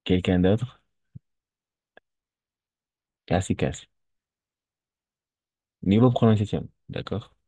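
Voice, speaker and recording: A man teaching French in an online lesson, speaking slowly and patiently, repeating phrases and switching into Spanish. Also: low voice, dark tone, husky, no echo.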